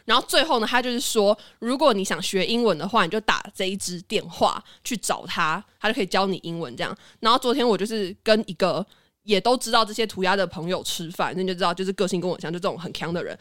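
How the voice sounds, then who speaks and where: Lively fast-talking Taiwanese woman. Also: mid-range voice, no echo, studio quality. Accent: Taiwanese Mandarin. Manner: animated, chatty, quick to laugh. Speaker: podcast host. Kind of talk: casual storytelling chat.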